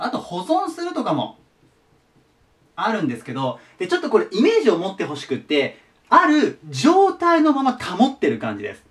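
Male tutor, patient, repeats forms, very animated pitch, a bit off-mic. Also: distant mic. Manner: patient, repeats each word form. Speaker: teacher. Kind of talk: explaining English vocabulary to students.

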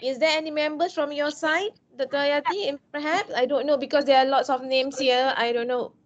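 A chatty woman hosts an online meeting and calls on her guests one by one. Her fairly high voice comes through a laptop mic that sounds dull and lo-fi. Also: steady tone, a little fast. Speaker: meeting host.

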